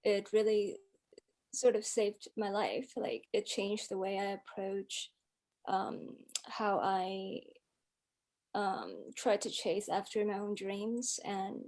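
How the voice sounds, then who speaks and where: Woman, guest musician, reflective, slow, many fillers, middle pitch. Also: little pitch movement, a little mellow. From Hong Kong. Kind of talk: casual interview talk.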